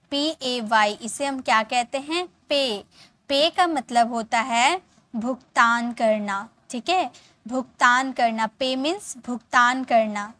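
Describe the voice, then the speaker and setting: A woman with a high, pushed and bright voice teaches an English lesson in a dry recording. She spells out every word, repeats it slowly, and keeps checking that her students are following.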